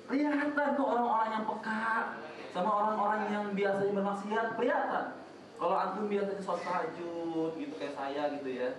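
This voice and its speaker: A man's voice: sits high, fairly even intonation, fairly quick, crowd noise. A man giving a casual religious talk in a prayer room, joking and asking his audience questions. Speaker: preacher. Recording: echoey room from a distant mic.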